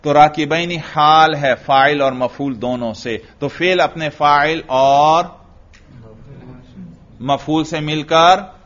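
A man's voice: on the high side, a bit bright. A man teaching a grammar lesson, drilling his class with questions and answering them himself. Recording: dull lo-fi recording.

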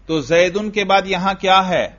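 A man's voice: high-pitched, a bit bright. A man teaching an Arabic grammar lesson, firing questions at his students and answering them himself. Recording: dull lo-fi recording.

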